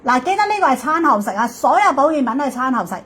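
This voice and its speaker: A woman's voice: high voice, very animated, fast, a bit bright. A woman with a Hong Kong Cantonese accent hosting a live shopping stream as a hard-sell ad, emphatic and urging.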